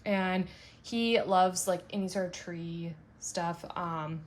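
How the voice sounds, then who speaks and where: A woman who makes and sells wax melts, reviewing scents in a chatty, rambling way full of fillers and bubbly excitement. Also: lowish voice, takes it slowly. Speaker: wax melt maker and shop owner.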